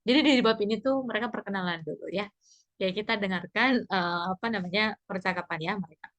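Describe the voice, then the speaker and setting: A woman teaching a basic conversation class, explaining patiently in a chatty way, repeating points and pausing with fillers. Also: mid-range voice, fairly bright tone. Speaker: Japanese teacher.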